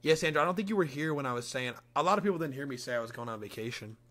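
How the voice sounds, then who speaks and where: Speaking very fast and expressively in a mid-range, fairly bright voice, a young man chats casually while streaming a game, using crude slang and heavy swearing in a frat-bro manner.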